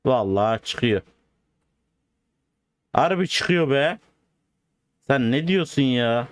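A man giving casual, excitable gameplay commentary as a video host, joking and bantering in slangy street talk. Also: mid-range voice, slow, dry recording.

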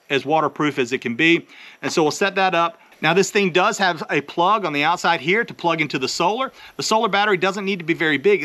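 Middle-aged man, slightly high-pitched, casual how-to, practical step-by-step, outdoors, camera held at arm's length. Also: pushed and bright. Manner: plain step-by-step explaining, friendly and practical. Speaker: homesteading channel host. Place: outdoors beside a chicken coop on a farm. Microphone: handheld camera at arm's length.

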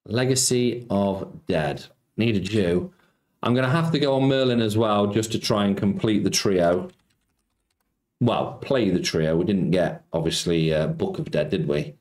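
His voice is lowish, a little slow and slightly mellow as this middle-aged Nottingham man streams slots from home. He chats casually, reading messages from viewers and answering with cheeky banter. The indoor streaming room echoes, and faint music plays in the background.

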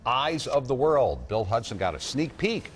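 A man anchoring a studio news broadcast with a smooth, scripted delivery. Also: medium pitch, sing-song, normal speed, slight background noise.

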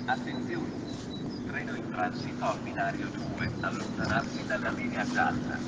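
Casting: male train station announcer, formal automated delivery, lowish pitch, heard over a distant echoing PA. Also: lively intonation, moderate pace. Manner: formal, segmented stock phrases. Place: railway station platform. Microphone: distant recorder picking up loudspeakers. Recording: echoey station PA from afar, clear ambient noise.

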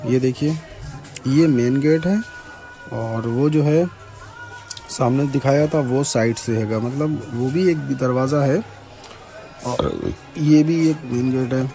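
Young vlogger, Farrukhabad Hindi accent, mellow voice, handheld phone, faint music behind. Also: male voice, mid-range voice, slow, pauses often. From India. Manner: chatty, points things out to viewers. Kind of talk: casual walking tour vlog. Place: crowded decorated shrine courtyard at night. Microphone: handheld phone camera.

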